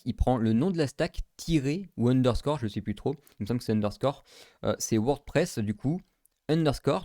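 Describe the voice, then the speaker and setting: A man's voice: mid-range voice, warm tone, dry recording, studio quality. A man, casually talking through a screen-recorded tech tutorial, with many fillers and thinking aloud.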